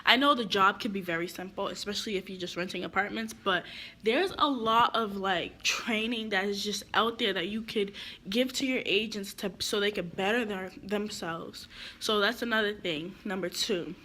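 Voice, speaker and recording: Talking to camera, a young woman gives casual real estate advice, chatty and rambling with lots of fillers. Her medium-pitched voice is sharp in tone and stuffy from being sick, at a moderate pace.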